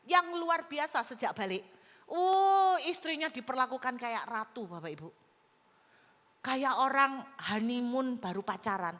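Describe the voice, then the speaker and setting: Woman pastor, sermon, animated storytelling, crisp bright voice. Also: high-pitched, measured pace. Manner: animated storytelling, addresses the congregation directly. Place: large auditorium. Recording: hall reverb.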